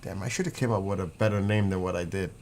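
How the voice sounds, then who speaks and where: With a low, slightly mellow voice, steady tone and quick pace, a New York-accented man rambles through a casual livestream, greeting commenters and reading what they post. The room's ambience and clear background noise are present.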